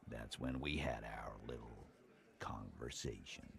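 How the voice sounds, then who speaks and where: Brief: a weary union boss in a detective game; extremely low, gravelly, curt. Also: male voice, a little slow, a bit bright, full character voice. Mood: guarded. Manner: curt, guarded replies. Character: gruff middle-aged male union boss, guarded and weary.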